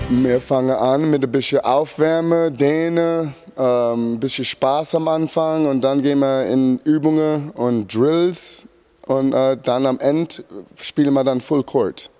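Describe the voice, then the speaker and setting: A middle-aged man, a basketball coach, answering interview questions in a sports hall, halting with many fillers. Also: mid-range voice, dark tone, clear, resonant tone, soft background music. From Germany.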